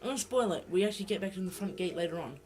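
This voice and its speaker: A man's voice: high-pitched, expressive, very fast, darkish tone. A young man with a blocked nose giving rambling, self-correcting let's play commentary into a laptop mic. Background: game music.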